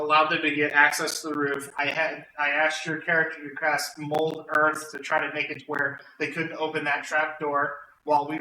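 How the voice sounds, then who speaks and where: A man talks his friends through what happened in their tabletop game, rambling and correcting himself as he goes. His voice is bright and sits a little high. The recording is roomy, with a mic set some distance away and a faint hum underneath. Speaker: tabletop player recapping the session. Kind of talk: casual recap among friends.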